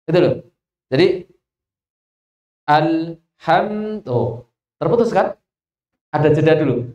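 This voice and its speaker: Javanese-accented recitation teacher, measured mid-pitched delivery, reverberant hall-like space. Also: animated, dark tone, muffled recording. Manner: asks the listeners questions and answers them, stretches out example verses. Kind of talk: Quran recitation lesson. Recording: echoey room.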